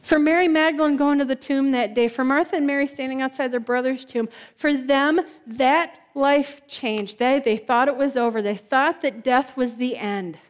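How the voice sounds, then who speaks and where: A woman preacher giving a sermon, telling the story in a lively, conversational way and acting out the quoted lines. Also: sits high, moderate pace, few pauses. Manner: conversational, warm asides to the congregation.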